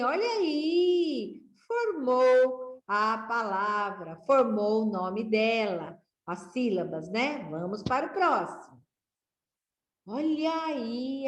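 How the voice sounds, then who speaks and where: A Brazilian woman teacher giving a children's literacy lesson, reading aloud slowly in a sing-song way with rising exclamations. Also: a little high, reverberant. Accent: Brazilian Portuguese.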